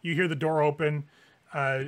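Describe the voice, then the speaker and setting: A man's voice: a little high, flat delivery, normal speed, a bit bright. A man narrating a tabletop game as game master in a casual, sweary, informal way.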